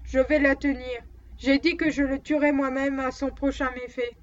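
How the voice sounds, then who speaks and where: A woman's voice: high-pitched, fairly even intonation, normal speed, natural voice. A woman reading the part of a blunt, stubborn male dog handler in an audiobook, on a dull lo-fi recording.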